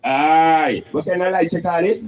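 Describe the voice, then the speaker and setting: A man's voice: fairly high pitch, a little slow, a little mellow. A man with a Jamaican accent speaking in Rastafarian style, preaching and teaching emphatically with rhetorical questions and Rastafari idioms.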